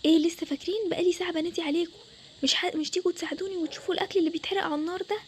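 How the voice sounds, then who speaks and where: A woman's voice: very high voice, steady tone, very fast, a little hiss or hum. A young woman voicing a strict, short-tempered mother who scolds and threatens her children, speaking with an Egyptian Arabic accent. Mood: scolding. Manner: scolding, loud, harsh. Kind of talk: storytelling with toy game figures.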